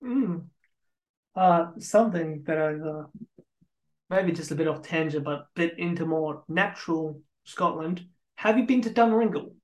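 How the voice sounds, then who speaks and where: A man hosting a casual chat show, speaking softly and hesitantly, often trailing off. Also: on the high side, a little slow. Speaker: host. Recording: echoey room.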